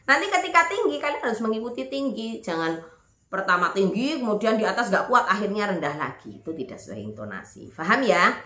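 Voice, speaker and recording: A woman's voice: mid-range voice, big pitch swings, brisk, pushed and bright. A woman music teacher giving an online lesson, explaining step by step and checking that students follow. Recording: echoey room.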